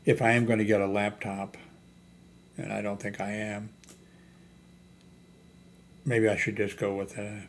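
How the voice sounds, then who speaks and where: An older YouTube host with a low, level voice rambles through an unscripted product chat while browsing his screen. He thinks aloud, hesitant and halting. The homemade recording carries noticeable background noise.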